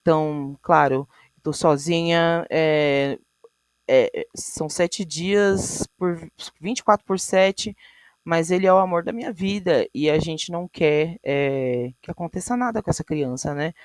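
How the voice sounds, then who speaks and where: A woman's voice: sits low, measured pace, no echo. A woman vlog host reacting in casual talk, reflective and hesitant, often restarting her sentences.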